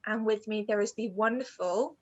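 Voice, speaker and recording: A woman's voice: mid-range voice, normal speed, a little mellow, highs cut off. A woman hosting a podcast in an upbeat, polite way, with some "um" fillers as she phrases questions. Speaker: podcast host.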